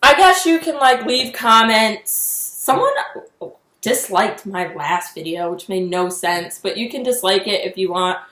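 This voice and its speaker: A young woman ranting in a casual vlog, exasperated and animated, filling her talk with "like". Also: mid-range voice, unhurried, echoey room. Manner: animated, exasperated, heavy use of "like". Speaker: vlogger.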